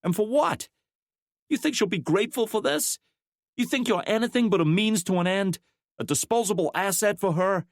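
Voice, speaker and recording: A man voicing McKnight, a sharp-tongued woman agent who challenges her friend with pointed, exasperated questions. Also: sits high, moderate pace, no room sound, studio quality, voice pushed up. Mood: confrontational.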